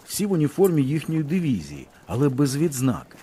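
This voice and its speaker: A man reading a novel aloud as an audiobook, with expressive storytelling. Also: medium pitch, brisk, breathy edge. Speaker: audiobook reader. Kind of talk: scripted narration of a novel.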